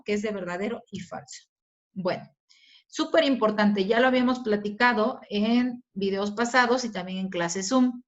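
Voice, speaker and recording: A woman's voice: mid-range voice, a bit bright, highs cut off. A woman teacher with a Mexican accent giving a recorded video lesson, explaining step by step and often checking in with her pupils. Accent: Mexican Spanish. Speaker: schoolteacher.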